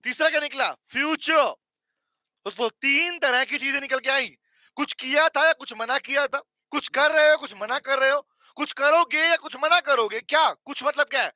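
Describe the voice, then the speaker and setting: A man's voice: very high-pitched, moderate pace, sharp tone, dry recording, studio quality. An Indian man teaching an online law lecture, mixing English terms into Hindi, often repeating points and asking his students to reply. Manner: addresses students as beta, asks for replies, repeats points.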